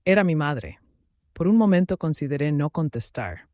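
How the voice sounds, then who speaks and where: Man narrating a dramatic story calmly. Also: fairly high pitch, normal speed, no room sound, clean studio sound. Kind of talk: first-person story narration.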